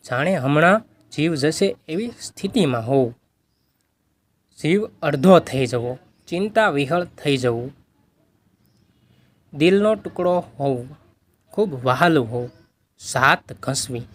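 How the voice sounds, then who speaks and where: A man, working as a tutor, reading vocabulary words and their meanings aloud in a steady list. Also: a little high.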